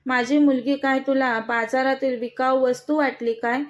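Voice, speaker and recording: A woman's voice: high voice, fairly even intonation, moderate pace, close to an everyday voice. A woman voicing an angry, protective father, a schoolmaster, who scolds furiously in a storybook reading.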